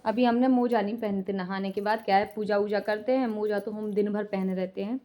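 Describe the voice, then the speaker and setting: A young woman venting emotionally in a casual home vlog, often speaking quietly while cooking in her kitchen. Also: mid-range voice, steady tone, a little fast, a little hiss or hum. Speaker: vlogger, single mother.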